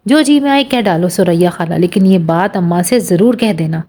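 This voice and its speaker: An earnest, lovestruck young man pleads his case with impatient sincerity, as a woman reads him aloud. The voice sits low with a mellow, soft tone. It is an audiobook character reading. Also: moderate pace. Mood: earnest pleading.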